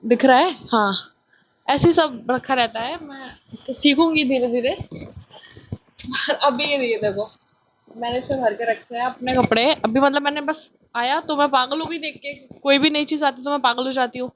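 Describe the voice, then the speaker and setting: A young woman from India with a childlike voice, chatting loudly and excitably through a casual vlog, filmed on a phone on a tripod. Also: high voice, moderate pace, no echo, lo-fi sound. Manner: chatty, self-mocking, loud and excitable. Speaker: vlogger.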